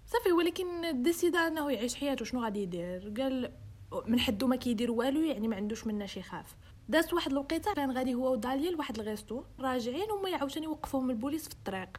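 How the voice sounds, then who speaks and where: Fast-talking, husky Moroccan woman storyteller. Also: high-pitched, animated. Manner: code-switches into English, acts out quoted dialogue. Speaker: host. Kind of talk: casual true-crime storytelling.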